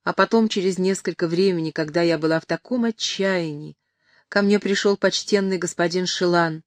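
A woman's voice: on the low side, moderate pace, no room sound, natural voice. A woman reading the part of a distressed, indignant noblewoman full of reproach. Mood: reproachful. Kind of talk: audiobook reading.

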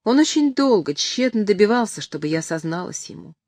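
A woman's voice: medium pitch, animated, a little fast, darkish tone, no echo, studio quality, voice pushed up, close to an everyday voice. A woman reading the part of a distressed, indignant noblewoman full of reproach. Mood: reproachful. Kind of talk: audiobook reading.

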